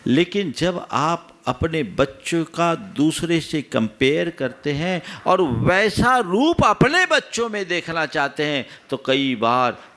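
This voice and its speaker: Male monk, sermon, rhetorical questions to listeners, gravelly voice, lively rising and falling pitch. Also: slow pace, few pauses. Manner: asks the audience rhetorical questions; tells everyday anecdotes to teach. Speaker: Jain monk preacher.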